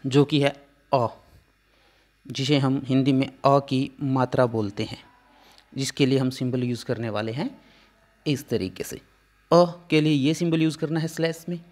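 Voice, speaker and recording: A man teaching pronunciation in a measured, unhurried way, explaining each sound patiently step by step. His pitch sits at an ordinary middle for a man. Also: a little mellow. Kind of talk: phonetics lesson.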